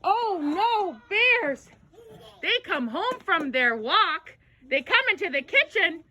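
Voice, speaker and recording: A woman tells a children's storybook tale with dramatic exclamations and gasps. Her voice is high and swoops widely, and she takes her time. The tone is bright and clear. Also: very animated, slow. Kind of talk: animated storybook narration for children.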